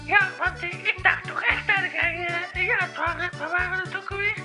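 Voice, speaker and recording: A woman's voice: very high voice, steady tone, moderate pace, music in the background. A woman playing a smitten caller to a radio show, rambling and giggly with many hesitations in a comedy sketch. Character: smitten female radio caller, gushing fan of a singer.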